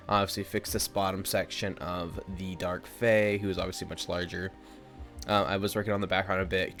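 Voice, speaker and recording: A young man, an art streamer, chats casually with his viewers while drawing indoors at home, rambling with lots of fillers and talking to chat. His voice is low with a fairly bright tone, and his nose is stuffy.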